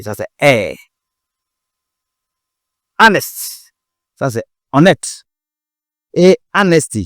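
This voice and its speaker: A man from Ghana teaching a language class, repeating each word slowly and carefully to drill pronunciation. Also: medium pitch, smooth, dry recording, clean studio sound. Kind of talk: pronunciation lesson.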